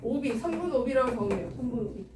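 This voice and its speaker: A woman teaching math to a class, her voice high and her tone coaxing as she keeps asking students questions. She sounds distant from the mic, the room is echoey, and a steady noise runs behind her. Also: very fast.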